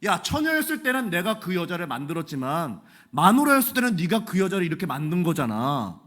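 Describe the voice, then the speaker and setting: A blunt, matter-of-fact God gives a curt reply, as a male preacher voices him. His voice is high and lively. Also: fairly quick, exaggerated voice.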